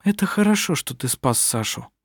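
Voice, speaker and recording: Man acting a middle-aged witch mother, audiobook, higher voice, cutting and dry, dry close sound. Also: animated, normal speed, husky, no echo. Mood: stern.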